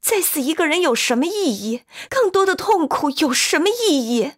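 A woman's voice: sits high, very animated, moderate pace, pitched above the performer's own voice. A woman putting on a firm, earnest young lady in a storybook. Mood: pleading. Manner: earnest and commanding. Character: calm, firm young Englishwoman comforting a grieving man.

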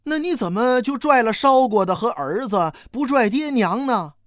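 A reader voicing a nosy, suspicious village questioner who probes with sharp questions. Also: medium pitch, expressive, normal speed, no room sound, studio quality, pitched above the performer's own voice, lightly acted. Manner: prying, sharp, probing.

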